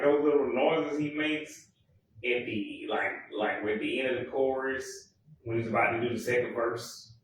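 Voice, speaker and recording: A man's voice: mid-range voice, a bit bright, a little hiss or hum. Man, rambling casual vlog talk, self-correcting, very echoey room, mic set far back. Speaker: music vlogger.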